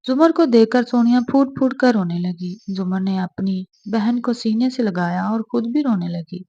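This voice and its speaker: A woman's voice: fairly high pitch, normal speed, warm tone, muffled recording. Woman narrating a romance novel.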